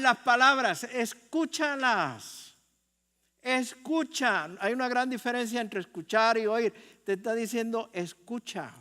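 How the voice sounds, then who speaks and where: Older Puerto Rican pastor, high voice, chatty sermon with rhetorical questions, long church reverb. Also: male voice, fairly bright tone. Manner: conversational preaching with rhetorical questions and humor. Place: church sanctuary.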